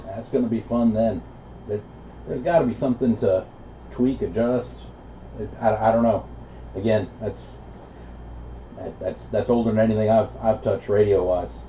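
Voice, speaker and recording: Over muffled CB radio reception thick with loud static, a middle-aged man chats casually as an operator. His voice sits on the low side, steady and at normal speed, with long pauses.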